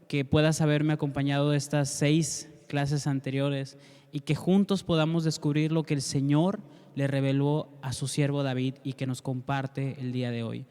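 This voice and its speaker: A man's voice: fairly high pitch, dark tone, smooth. Man, Bible class teacher, earnest direct address, resonant voice, long reverb.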